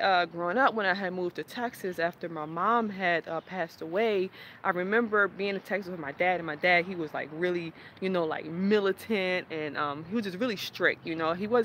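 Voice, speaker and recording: A young woman tells a personal story in a loose, candid way, laughing now and then. Her voice is bright and forward. A faint hiss sits under the recording. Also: lowish voice. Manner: candid, rambling, laughs often. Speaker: vlogger. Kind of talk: casual personal vlog.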